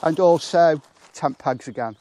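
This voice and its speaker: A man casually demonstrating how to pitch a tent outdoors, chatting and thinking aloud with fillers, poking fun at himself. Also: a little slow, mellow. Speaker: motorcycle touring reviewer.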